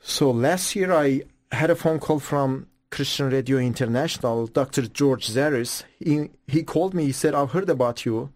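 A man's voice: medium pitch, normal speed, hardly any pauses, a little mellow, no room sound. Man, earnest testimony, dry close mic. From Iran. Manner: earnest, fervent storytelling with stammered restarts. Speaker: guest evangelist. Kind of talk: testimony in an interview.

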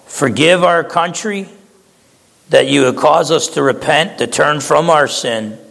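A man preaching and leading a closing prayer, earnest and halting, with frequent fillers. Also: medium pitch, creaky, a bit bright. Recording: long hall reverb.

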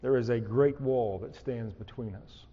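A man preaching an expository sermon, slow and emphatic, rising on key words. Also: mid-range voice, mellow, long reverb tail, lo-fi sound.

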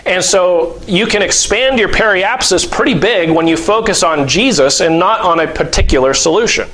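A man's voice: sits high, normal speed, poor audio. A man preaching a sermon in a loose, conversational way, often acting out scenes and laughing. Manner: acts out scenes with lively voices and laughs; conversational, uses many fillers.

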